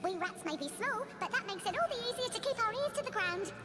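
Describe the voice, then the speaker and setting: A tiny, chatty rat, polite and chirpy, with a squeaky voice pitched very high. The video game voice sits under loud background music. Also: female voice, lively intonation, fast. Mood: friendly. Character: small friendly chatty rat, helpful to adventurers.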